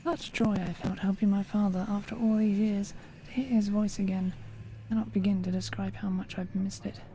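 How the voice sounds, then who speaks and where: Woman playing a secretive witch reading her journal, earnest and measured, very mellow dark tone, faint hiss behind. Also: mid-range voice, little pitch movement, close to an everyday voice. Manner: earnest, self-justifying, measured. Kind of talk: recorded game voice-over.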